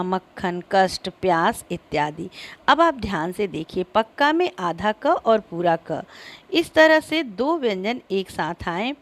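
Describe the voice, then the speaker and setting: A woman teacher explaining a grammar lesson to pupils, stressing each example word clearly. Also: medium pitch. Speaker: school teacher.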